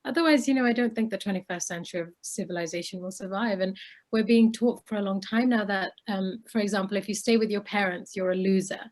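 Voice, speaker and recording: Woman in her 20s, interview guest, firm opinions, steady and articulate. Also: mid-range voice, quick pace. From Bangladesh. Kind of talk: conversational interview.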